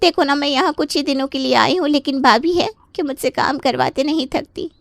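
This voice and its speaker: A woman's voice: high voice, expressive, moderate pace, fairly bright tone, clear, resonant tone, no room sound. A woman voicing a scheming young married woman in a cartoon story, taunting and falsely innocent. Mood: whining. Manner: sly, taunting, fake-innocent whining. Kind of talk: Hindi cartoon voice acting.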